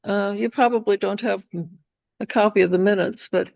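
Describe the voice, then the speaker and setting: Creaky-voiced woman chairing a meeting, dull audio. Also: medium pitch, steady tone, moderate pace, darkish tone, no room sound. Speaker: committee chair. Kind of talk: informal meeting talk.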